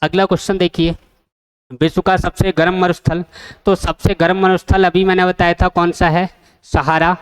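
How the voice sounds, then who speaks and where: A man's voice: high-pitched, level tone, moderate pace, smooth. A man teaching an exam-prep geography lesson, asking the class questions and repeating the answers. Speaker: coaching teacher.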